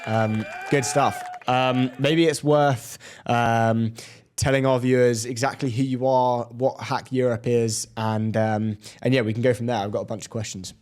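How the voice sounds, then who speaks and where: A man hosting a casual interview show, relaxed and halting, with lots of fillers and repeated words. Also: mid-range voice. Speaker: host.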